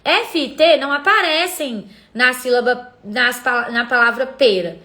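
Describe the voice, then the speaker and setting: A woman's voice: high voice, measured pace, sharp tone. A woman teacher, patiently explaining a literacy lesson on a live stream and pointing viewers to examples.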